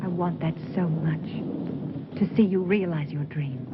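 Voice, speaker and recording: A woman's voice: low-pitched, a little slow. A young woman playing a scientist's devoted, intense daughter in a gothic horror film. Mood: devoted, intent. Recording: dull, very noisy old film soundtrack.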